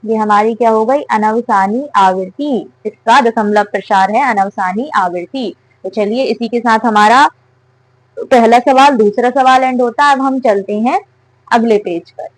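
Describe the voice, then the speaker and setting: A woman's voice: fairly high pitch, unhurried, no room sound, poor audio. Woman teaching maths step by step. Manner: asks and answers her own questions.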